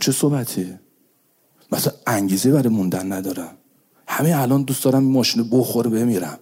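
Male preacher, dark warm voice, sermon delivery swinging from soft intimate to impassioned. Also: mid-range voice, slightly rough. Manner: swings from hushed intimate pleading to raised cries. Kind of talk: religious sermon.

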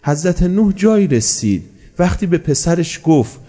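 A man delivers a sermon in a slightly high voice that swings widely in pitch. He tells the story with animation and keeps posing rhetorical questions, then answers them himself. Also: sing-song, mellow. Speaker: preacher.

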